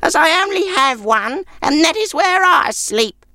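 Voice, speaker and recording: A woman's voice: high voice, big pitch swings, a little slow, bright, forceful tone, no room sound, clean studio sound, voice pushed up, heavily acted. A woman voicing a grumpy old woman who speaks sourly and scornfully. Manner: snorting, scornful.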